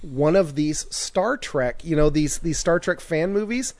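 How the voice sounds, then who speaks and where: A man co-hosting a podcast in casual chat, loose and animated, with quick asides. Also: a little high. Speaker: podcast co-host.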